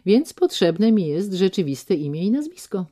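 A woman voicing a deaf older gentleman who talks loudly and insistently, with a dry, teasing manner. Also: mid-range voice, sing-song, normal speed, voice pushed up.

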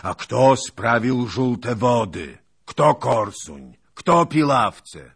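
A man voicing a defeated Cossack hetman who roars hoarsely in despair, in a storybook reading. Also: medium pitch, extremely slow, voice pushed up, exaggerated voice. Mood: furious. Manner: roaring in despair.

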